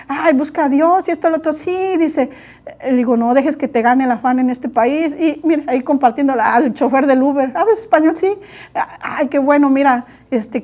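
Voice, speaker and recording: A woman preaching a sermon, lively, acting out her own inner voice, her eyes watering from allergies. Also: high-pitched. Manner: animated, acts out her own inner dialogue.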